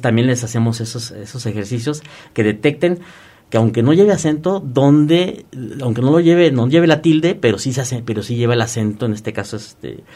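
A man speaks as a guest teacher in a radio booth. His voice sits at an ordinary middle pitch. He explains patiently, stumbling over repeated words and leaning on "este" between thoughts. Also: warm tone. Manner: repeats and restarts words, fills pauses with "este". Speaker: online course teacher, guest. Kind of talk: explanatory interview talk.

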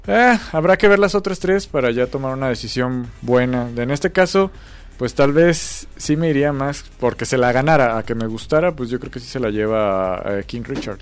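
A man's voice: medium pitch, lively intonation, normal speed, clean tone, faint music behind. A man, talking in a rambling, hesitant way, full of fillers, as co-host of a casual chat about film awards. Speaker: podcast co-host.

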